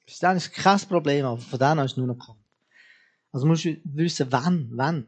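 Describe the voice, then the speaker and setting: A man's voice: on the high side, normal speed. A man preaching a sermon, talking straight to his listeners and firing off repeated questions at them.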